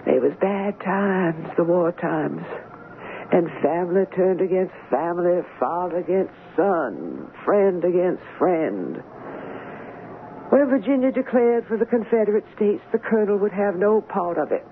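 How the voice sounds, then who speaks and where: An actress playing a gentle, sorrowful older woman servant, speaking in dialect in an old radio play. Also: fairly low pitch, animated. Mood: grave. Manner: dialect speech, slow and tender. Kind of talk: 1940s radio acting. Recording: tinny old radio broadcast with faint hiss.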